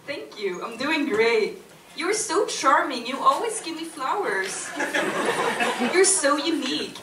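A woman's voice: high-pitched, sing-song, slow pace, distant mic, noisy background, full character voice. Woman reading giggly flirty Lisa. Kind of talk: live amateur script reading. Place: cinema stage before a live audience. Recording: echoey hall, picked up from afar.

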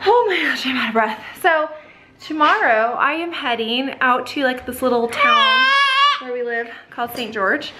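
High-pitched chatty woman vlogger. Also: very animated, measured pace, reverberant, noisy background. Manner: chatty, gushing, coos at the kids. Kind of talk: casual vlog chat. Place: at home.

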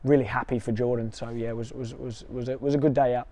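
A mellow-voiced football coach in his thirties responds to a post-match interview outside by the pitch. His intonation stays fairly even, and his delivery is measured and quick with small restarts.

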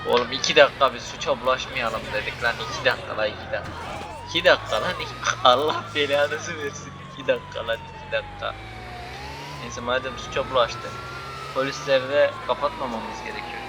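A young man giving loud, joking commentary while playing a game, swearing and shouting at the characters on screen. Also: medium pitch, sing-song, fairly quick, noisy background. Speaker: gaming YouTuber. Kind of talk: casual gameplay commentary.

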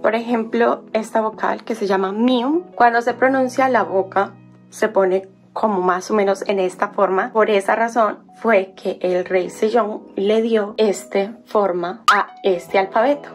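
A language teacher working at a whiteboard teaches an alphabet, spelling out syllables one by one and sounding them out slowly and patiently. Her voice is medium-pitched and steady, with faint music in the background.

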